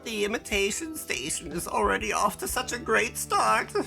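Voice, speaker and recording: A woman's voice: mid-range voice, big pitch swings, moderate pace, creaky, sharp tone, soft background music, voice pushed up, heavily acted. A woman voicing an alien shopkeeper who fakes being human, speaking in a stilted, overly formal way with musing hums. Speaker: streamer playing a shop game.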